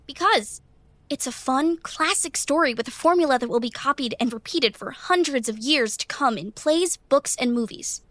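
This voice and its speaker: A bright, eager teenage schoolgirl with a high voice and a know-it-all way of explaining. The recording is dry and close. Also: expressive, moderate pace, no room sound.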